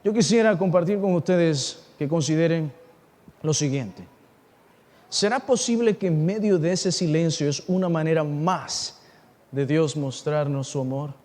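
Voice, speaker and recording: Male pastor preaching, high voice, animated storyteller talking right to the crowd, long hall echo. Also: a little slow. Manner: animated storytelling, acting out dialogue and addressing listeners directly. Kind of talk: sermon.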